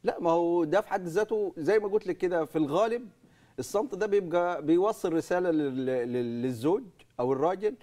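High-voiced fast Egyptian man. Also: dark tone. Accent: Egyptian Arabic. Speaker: panel guest. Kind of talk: TV panel discussion.

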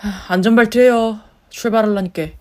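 A woman's voice: mid-range voice, fairly even intonation, moderate pace, natural voice. A woman voicing a whiny, jobless young husband in a story-radio drama, grumbling and sulking. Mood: teasing. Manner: grumbling, sulky complaints.

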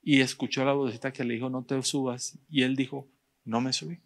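A man, a pastor preaching a sermon in church, speaking directly to the congregation and slowing down to stress his points. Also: mid-range voice, steady tone, vocal fry. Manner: direct, addresses the congregation, rising emphasis and slow stressed phrases.

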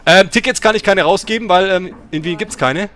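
A man's voice: sits high, brisk, fairly bright tone, a little hiss or hum. A middle-aged man hosting a bus simulator let's play, chatting and breaking into sudden swearing rants. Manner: swears and rants in angry outbursts.

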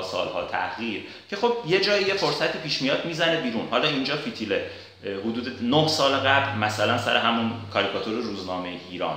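A man giving an argumentative spoken commentary, pausing often with filler sounds as he builds his case. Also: medium pitch, sharp tone. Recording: very echoey room.

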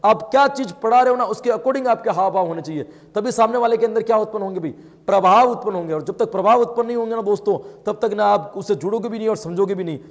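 A man teaching an exam coaching lesson, talking rapidly and emphatically, firing rhetorical questions and calling his students friends and brother. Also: high voice, in a large hall. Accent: Rajasthani Hindi. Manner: addresses viewers as friends and brother.

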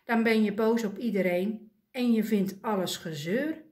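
A woman voicing a kind male penguin friend who reasons calmly and gently. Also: mid-range voice, measured pace, roomy sound, close to an everyday voice. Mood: caring.

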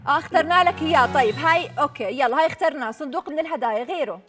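High-pitched, fast-talking Jordanian woman game show host. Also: expressive, fairly bright tone. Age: young adult. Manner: upbeat congratulatory announcing. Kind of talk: live phone-in game show presenting. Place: TV studio. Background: background music.

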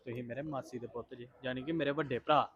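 A man's voice: medium pitch, steady tone, fast, fairly bright tone, a little hiss or hum, lightly acted. A man playing an insistent protective brother. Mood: reassuring. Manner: insistent, pleading, reassuring. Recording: dull lo-fi sound with faint music.

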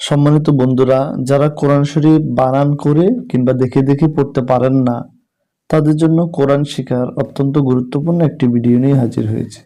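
A man teaching Quran reading, spelling each letter and vowel slowly before reciting the verse. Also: medium pitch, fairly even intonation, mellow. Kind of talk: slow spelled-out Quran lesson.

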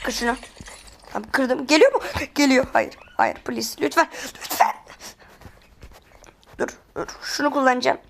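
A woman giving excitable let's-play commentary, often pleading and exclaiming while she plays. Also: sits high, normal speed, pauses often. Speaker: gamer.

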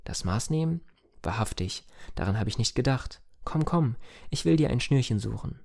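A man voicing a tender, lively young village girl in a raised, eager pleading tone. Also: mid-range voice, normal speed, gravelly. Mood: delighted.

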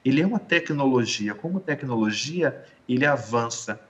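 A man giving a measured, explanatory talk in an educational conversation, often rephrasing himself. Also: medium pitch, lively intonation, a bit bright, lo-fi sound. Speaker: guest lecturer.

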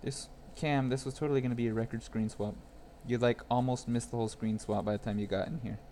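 A man's voice: medium pitch, steady tone, quick pace, mellow, a little hiss or hum. A young man chatting casually with viewers on a live stream while repairing a phone at his workbench, rambling and laughing as he goes.

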